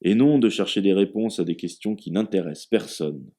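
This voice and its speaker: A man's voice: low-pitched, normal speed, warm tone. A man voicing a genial middle-aged father, a former scholar, in a contented tone.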